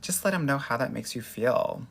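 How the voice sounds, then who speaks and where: A man's voice: mid-range voice, animated, moderate pace, creaky, a bit bright. An American man from Los Angeles hosting a casual livestream, chatting with sassy, effusive, girly best-friend familiarity as he answers viewers. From Los Angeles, United States. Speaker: dating coach and livestream host.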